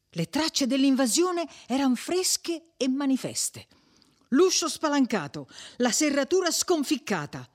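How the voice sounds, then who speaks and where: A reader narrating a classic novel with expressive, suspenseful pacing. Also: medium pitch. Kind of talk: dramatic audiobook narration.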